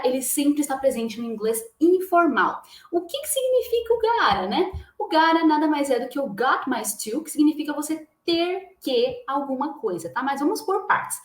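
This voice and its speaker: Brazilian lady teaching english, kinda high voice, keeps saying tá and né, echoey room. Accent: Brazilian Portuguese. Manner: explanatory, checks in often with "tá?" and "né?". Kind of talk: casual online English lesson.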